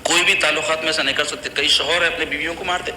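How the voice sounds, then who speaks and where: Bright-voiced man preaching in echoey hall. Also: fairly high pitch, steady tone. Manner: earnest, admonishing, plain conversational phrasing. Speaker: Islamic preacher. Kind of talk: religious lecture on child upbringing. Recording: echoey hall with faint noise.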